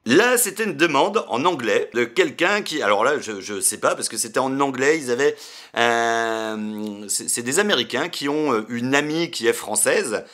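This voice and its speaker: A man's voice: mid-range voice, lively intonation, normal speed, a bit bright. A man from France talks casually to camera in a vlog, chatty and stumbling, repeating words between many fillers. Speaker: YouTuber.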